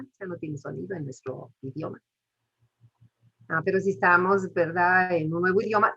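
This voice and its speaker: Husky, low-pitched woman lecturing; she explains step by step and quizzes the class. Dull recording. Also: pushed and bright. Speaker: teacher. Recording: muffled lo-fi recording.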